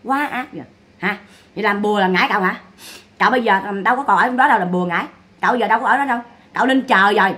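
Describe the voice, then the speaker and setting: A woman's voice: mid-range voice, very fast, pushed and bright. A woman giving mocking, scolding gossip commentary. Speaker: online commentator.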